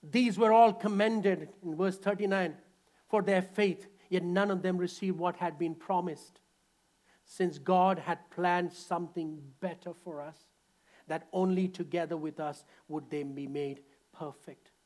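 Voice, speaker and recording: Male preacher with a very high voice; dramatic sermon delivery that drops to near-whispers and rises to shouts, voicing people in prayer and speaking to a king. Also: steady tone, measured pace. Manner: calls for congregation response; stumbles and restarts when citing chapter and verse.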